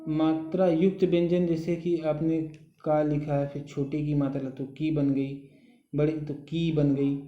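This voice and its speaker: A man's voice: a little high, flat delivery, soft background music. A man teaching a grammar lesson, explaining step by step and often checking in with the listener. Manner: slow, patient explaining with frequent "ठीक है" check-ins. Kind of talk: recorded Hindi grammar lesson. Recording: dull echoey room sound.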